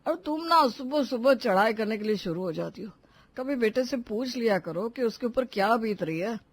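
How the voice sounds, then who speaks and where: A voice actor playing a sulky, quick-tempered young husband who complains sarcastically. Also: mid-range voice, lively intonation. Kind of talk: Hindi cartoon voice acting.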